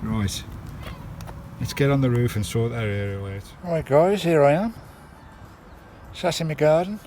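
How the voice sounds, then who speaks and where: An English-accented man with a mid-range voice and measured pace chats casually with viewers, using colloquial, matey turns of phrase. He's a vlogger showing hands-on work installing a radio in and around his parked campervan, recorded on a handheld camera mic against a noisy background.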